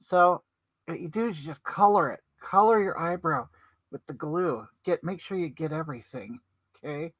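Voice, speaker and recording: Speaking at a moderate pace in a mid-range voice close to everyday speech, a performer hosts a makeup livestream in character as a brash, chatty older woman who welcomes viewers by name. There's no echo on the recording.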